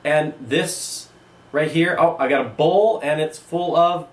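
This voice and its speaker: An art teacher with a rather high voice gives an enthusiastic, animated video lesson at a slow pace. He's in an indoor room with a table and a sandstone wall, and the distant mic makes the sound roomy.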